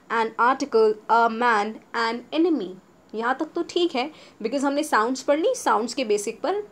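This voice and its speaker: A young Indian woman teaching English grammar in an exam-prep lesson, explaining step by step to her students and drawing out example words slowly. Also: on the high side.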